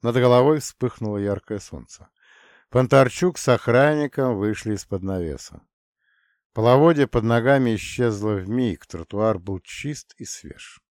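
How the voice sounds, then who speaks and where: A man narrating a story in a steady, dramatic audiobook style. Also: medium pitch, unhurried, dry recording, clean studio sound. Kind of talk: scripted narration.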